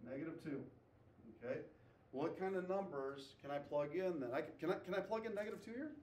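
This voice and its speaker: A man's voice: on the high side, a little fast, darkish tone, slight background noise. A man teaching a math class, asking students questions, repeating their answers and tagging "okay?" after his points. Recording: echoey classroom, voice from far off.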